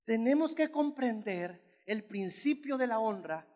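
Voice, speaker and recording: A man's voice: very high voice, expressive, unhurried, a little mellow. A male pastor preaching a sermon, emphatic and repetitive as he tells a story. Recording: long church hall reverb.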